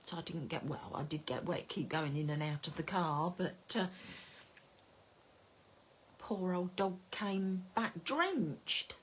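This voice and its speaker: A woman's voice: lowish voice, takes it slowly, slightly rough. A middle-aged woman, chatting casually on a craft live stream and greeting viewers by name. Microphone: phone camera.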